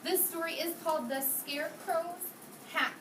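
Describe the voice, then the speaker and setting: In a roomy, noisy classroom, a woman leads young kindergarten children through an interactive read-aloud, asking questions and echoing their answers. Her voice is very high-pitched and steady in tone, at a normal speed, and she sits far from the microphone.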